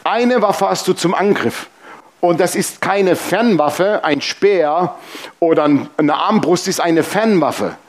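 Male preacher, lightly raised pitch, humorous storyteller, talks straight to the congregation. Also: takes it slowly. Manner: lively, humorous storytelling, addressing the congregation directly. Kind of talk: sermon with personal anecdotes.

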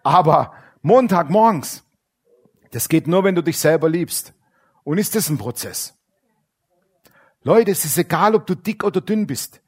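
A man preaching a lively, colloquial sermon, switching between loud emphasis and quiet asides. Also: a little high, measured pace, pauses often, breathy edge.

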